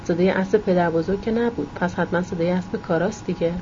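Mellow woman reading a novel aloud. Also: on the low side, steady tone, lo-fi sound, slight background noise. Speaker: audiobook narrator.

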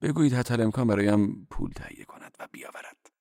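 A man voicing a gloomy, blunt young man who answers in short, flat replies. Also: on the low side, vocal fry, no echo, clean studio sound, voice pushed up. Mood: curt, gloomy.

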